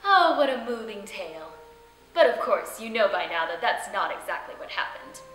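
A young adult woman hosts with scripted, theatrical comedic storytelling narration. Her mid-range voice swings widely in pitch at a moderate pace and sounds a bit bright. The recording is roomy, with background music.

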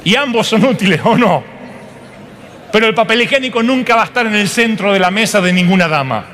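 A man preaching an animated sermon to a church, acting out voices with humor. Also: sits high, a little fast, big-room sound, some chatter behind, a little hiss or hum.

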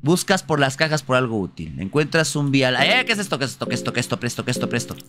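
Excitable Mexican man with swooping pitch. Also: fast, slight background noise. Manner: excitable, foul-mouthed, bursts into shouts. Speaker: livestreamer playing a video game. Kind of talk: casual live gameplay commentary, translating on-screen text aloud.

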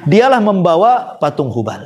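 A man with a high-pitched voice gives a storytelling sermon. He talks to his listeners conversationally, drops in rhetorical questions and short tag words, and now and then lets out a chuckle. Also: big pitch swings, normal speed, slight background noise. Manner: conversational, asks the audience rhetorical questions, frequent "ya" tags. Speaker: preacher.

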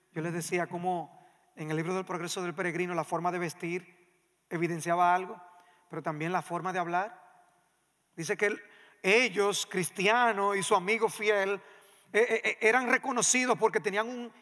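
A male pastor preaching a sermon in a church, emphatic and swinging between loud passages and hushed ones. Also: high-pitched, fairly even intonation, normal speed. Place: church sanctuary. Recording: long reverb of a church hall.

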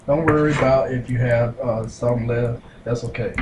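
Standing at the counter of a small indoor kitchen, a young man walks through a recipe step by step, slow and relaxed, full of fillers and brief pauses. The camera mic sits some distance off, so his medium voice sounds reverberant, with a loud constant noise underneath.

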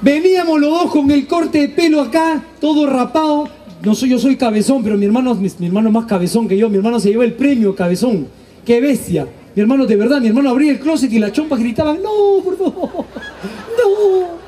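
A man telling stand-up stories on stage, animated, slangy and crude. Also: very high-pitched, quick pace. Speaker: stand-up comedian. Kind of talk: stand-up storytelling. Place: live stage show.

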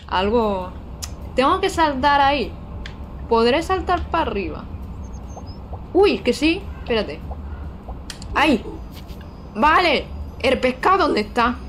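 A woman's voice: fairly high pitch, slight background noise. Chatty young woman streaming a game. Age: young adult. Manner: chatty, answers chat, frank and swears casually. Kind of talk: casual live-stream chat while playing.

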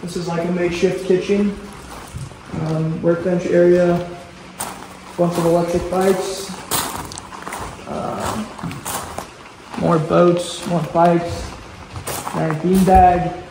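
A man's voice: high-pitched, level tone, slow, pauses often, echoey room, noisy background. A young man joking around and giving a casual tour to a vlog camera. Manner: jokey, playful, tour-guide talk.

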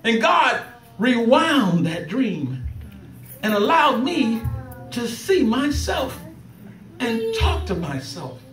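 A man's voice: very high-pitched, wildly swooping pitch, slow, long pauses, a bit bright, soft background music. A man preaching a trial sermon, emotional and fervent, telling his testimony with laughter while a congregation calls back. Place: church sanctuary. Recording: echoey church recorded from a distance. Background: congregation calling back responses.

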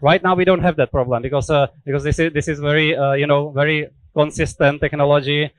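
A man's voice: on the high side, fairly even intonation, fast talker, dry recording, low-quality recording. A man in his thirties, a native Czech speaker talking in English, explaining guitar making on a factory tour through a headset mic, with many restarts and fillers. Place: indoor guitar workshop.

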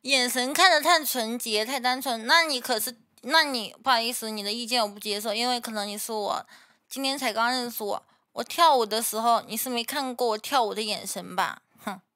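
Bright, high-voiced young woman, slightly impeded speech. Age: young adult. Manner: slow, halting speech for now. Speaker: livestreamer. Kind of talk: casual chat with live viewers. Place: small indoor streaming room. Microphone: close condenser mic on boom arm.

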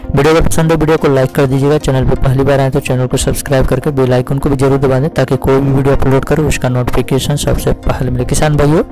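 With faint music in the background and rough audio, a man from India reads a farm market report, quickly repeating commodity prices in a scripted way. He speaks at a medium pitch in a level, darkish tone.

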